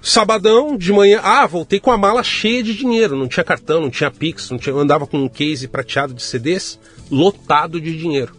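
A middle-aged man, telling his story in a casual, lively way, pitched a little higher than most men. Soft music sits faintly behind him as he talks. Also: a little fast. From Brazil. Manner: lively anecdotal, acts out quoted dialogue. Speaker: guest entrepreneur.

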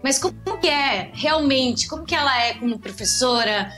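A woman's voice: sits high, moderate pace, a bit bright, faint music behind. Thoughtful woman commentator. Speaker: co-host. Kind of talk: casual commentary.

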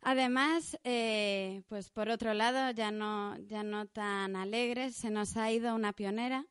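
A woman's voice: a little high, steady tone, measured pace, smooth, no room sound, clean studio sound. Woman podcast host, friendly. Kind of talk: casual podcast chat and guest introduction.

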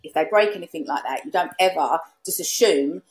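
A woman's voice: low voice, fairly quick. A woman with an Essex accent chatting casually in an interview, telling anecdotes, repeating herself and acting out remarks. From East London and Essex, England. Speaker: podcast guest, serviced accommodation host.

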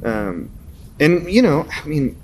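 A man's voice: on the high side, very animated, slow pace, slight background noise. A man in his thirties, a musician guest telling stories in a casual interview, laughing often and acting out his own reactions. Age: 30s.

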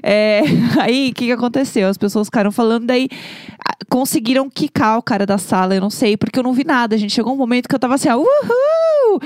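A young Brazilian woman co-hosting a casual podcast chat, telling stories with animated energy. Her voice sits fairly high, and the recording is close and dry. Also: quick pace, dry recording. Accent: Brazilian Portuguese. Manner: animated storyteller, acts out her own shrieks. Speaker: podcast co-host.

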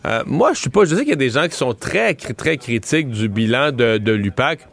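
A man's voice: mid-range voice, big pitch swings, fairly quick, gravelly, a bit bright. A man with a Quebec French accent giving conversational political analysis as a commentator, explaining his points in a colloquial, emphatic way.

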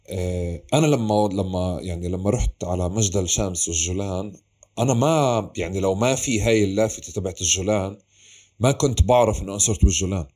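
A man's voice: lowish voice, a little mellow. A man with a Palestinian Arabic accent interviewing casually, rambling and restarting his questions mid-thought.

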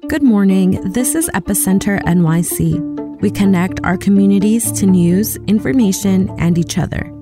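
A woman hosting a news podcast, reading a clear, measured scripted introduction. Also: medium pitch. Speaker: podcast host. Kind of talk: scripted narration. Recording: soft guitar music behind.

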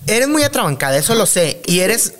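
A man's voice: high voice, big pitch swings, a little fast, a bit bright. A man interviewing a guest, asking supportive, friendly questions. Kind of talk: casual interview.

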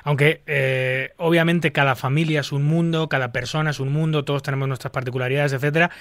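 Podcast host, man, slightly high voice, agreeable, dry close sound. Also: fairly even intonation, fast talker, fairly bright tone, no echo. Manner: agreeable, asks long winding questions. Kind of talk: podcast interview.

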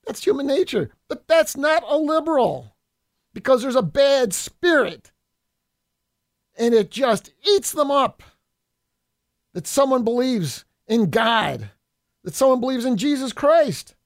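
A man's voice: very high-pitched, very animated, a little slow, long pauses, dry recording, studio quality. A middle-aged man from New York State, a state assemblyman hosting a political podcast, delivering a combative, folksy monologue and calling listeners folks.

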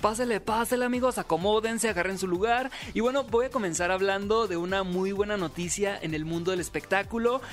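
A man's voice: high voice, fairly quick, few pauses. A man with a Mexican accent hosting an upbeat entertainment radio show in a chatty, hyped showman's manner, addressing listeners as friends. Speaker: radio and podcast host. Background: music bed.

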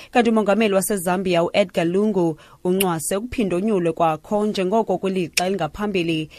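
A woman's voice: on the low side, a little mellow, dry recording. A woman with a South African Xhosa accent reading scripted radio news as the presenter.

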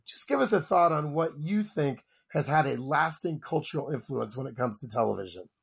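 Gravelly-voiced male podcast host. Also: on the high side, animated, a little fast. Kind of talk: casual chat.

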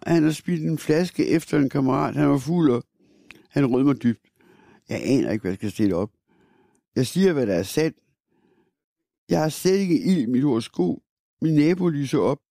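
Gravelly, dark-toned man reading slowly. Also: fairly high pitch, animated, no echo, clean studio sound. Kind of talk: literary first-person reading.

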